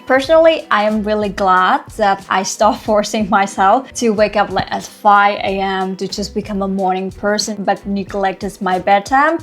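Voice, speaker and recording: Young woman vlogging, earnest and chatty, says like a lot, quiet music in the back. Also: mid-range voice. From Vietnam. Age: 20s. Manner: earnest, chatty, uses "like" often. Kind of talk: casual self-improvement vlog. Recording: light music behind.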